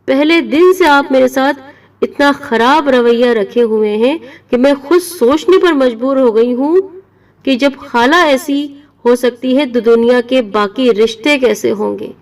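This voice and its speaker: A woman's voice: high-pitched, recorded from a distance. Earnest, upset young woman, read by a woman narrator, a little off mic. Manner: pleading, earnest. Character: young woman student, hurt and pleading niece.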